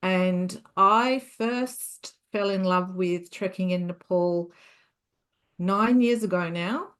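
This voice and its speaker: A woman who works as a business coach hosts an online webinar on a video call, speaking in a relaxed way with frequent fillers. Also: fairly low pitch, slow, clean tone.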